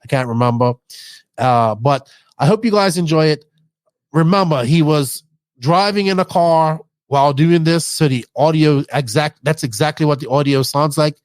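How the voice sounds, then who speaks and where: A man's voice: on the high side, moderate pace, dry recording. Male podcast host, Bermudian accent, chatty and informal, unscripted delivery. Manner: talkative, informal, toned-down accent. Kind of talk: casual podcast talk.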